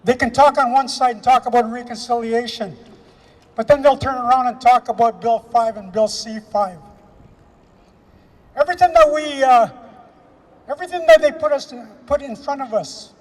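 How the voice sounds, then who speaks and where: A man from Canada delivering an impassioned speech at an outdoor rally, emphatic and repetitive, slowing down to stress key phrases. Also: extremely high pitch, big-room sound. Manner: emphatic, repetitive, with slow weighty pauses. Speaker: rally speaker.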